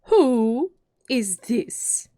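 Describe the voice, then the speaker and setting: A woman's voice: fairly low pitch, level tone, a little slow, slightly rough, no room sound, clean studio sound. A woman voicing a furious, imperious storybook queen who barks severe commands. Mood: stern. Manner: severe, loud, barking commands. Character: furious, imperious, shrieking Queen of playing cards.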